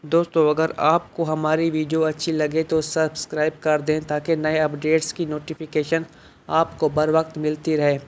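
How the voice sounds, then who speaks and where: A man narrating a drama episode recap, reading the quoted lines in the same even tone. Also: fairly high pitch, slight background noise.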